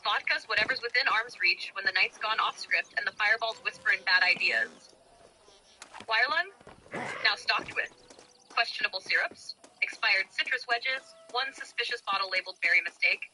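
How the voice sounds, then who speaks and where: A woman's voice: medium pitch, expressive, normal speed, sharp tone, a little hiss or hum, rough recording. A woman's voice as a chatbot companion, giving theatrical scripted replies in a sassy, profane, dramatic manner.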